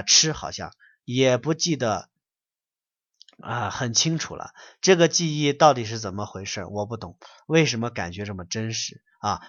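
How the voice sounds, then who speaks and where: A man's voice: medium pitch, fairly bright tone, no room sound. Male Buddhist lecturer, blunt and scolding, reads a letter aloud and preaches on it; dull, dry, close recording.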